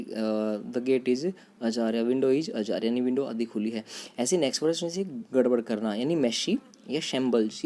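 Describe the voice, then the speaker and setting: A man teaching vocabulary to students, repeating each word, spelling it out letter by letter and pausing on fillers. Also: medium pitch, dark tone. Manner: addresses students directly, with hesitant fillers. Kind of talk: vocabulary lesson.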